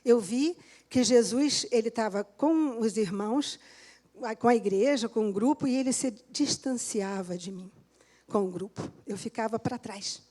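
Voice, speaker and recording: A woman's voice: on the high side, measured pace, warm tone. A middle-aged woman pastor preaching a sermon in church, telling a personal testimony and laughing often as she talks to the congregation.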